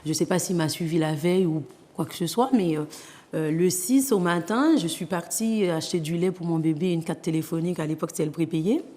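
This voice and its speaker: Recorded in a large hall, a guest author from Haiti in her thirties speaks a little fast in a lowish, dark voice. Her interview testimony is earnest and marked by many hesitations, delivered in a Haitian accent.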